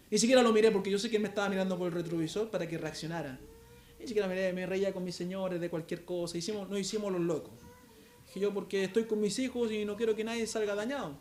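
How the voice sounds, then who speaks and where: A young man preaches in a Chilean accent, his voice sitting high and bouncing around a reverberant church. He talks earnestly and conversationally, checking in with the congregation as he goes, with a faint hiss under the recording. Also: a little mellow. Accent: Chilean Spanish. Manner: earnest, conversational, frequent "¿cierto?" tag questions. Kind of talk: sermon.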